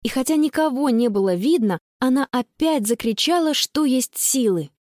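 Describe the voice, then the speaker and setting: A woman narrating a children's audiobook with expressive storytelling. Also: high-pitched, moderate pace, dry recording, studio quality.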